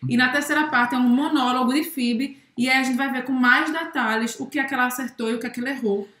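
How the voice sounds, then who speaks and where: A woman teaching with a clear, didactic manner, her voice a touch higher than most. She slows right down to demonstrate French words, and the room around her sounds roomy and echoing. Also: steady tone, pushed and bright. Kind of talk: explanatory language lesson.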